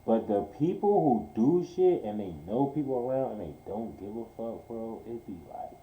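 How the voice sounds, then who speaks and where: A man's voice: on the low side, animated, normal speed, reverberant, phone-quality sound. A man streaming live who reacts to a played video with rambling, profane, slang-heavy commentary. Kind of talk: casual live-stream chat.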